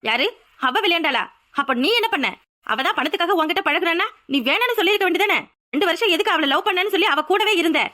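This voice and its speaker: A woman's voice: very high-pitched, expressive, quick pace, bright, forceful tone, exaggerated voice. A woman voicing an outspoken young woman who confronts her friend's ex in a cartoon drama. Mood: confronting. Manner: confrontational, demanding. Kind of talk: cartoon voice acting.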